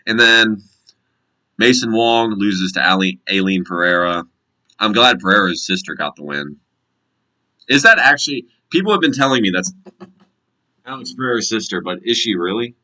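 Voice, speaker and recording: Male, American accent, deep pitch, sharp punchy tone, casual fight commentary, blunt, slangy, sweary. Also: animated, moderate pace, long pauses, low-quality recording. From United States. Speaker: MMA commentator and predictor. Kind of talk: casual fight recap and prediction vlog.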